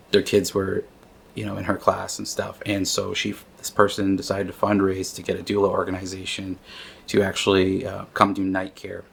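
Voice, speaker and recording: A man talking earnestly about his grief, halting and restarting often, in a personal reflective vlog. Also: low voice, creaky, slight background noise. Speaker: vlogger sharing his grief story.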